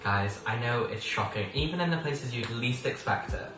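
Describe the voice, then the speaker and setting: A sixteen-year-old from England hosts a casual podcast at an indoor table, playful and rambling, laughing often. His mid-range voice is expressive and moves at normal speed. The recording sounds roomy and distant, with background noise.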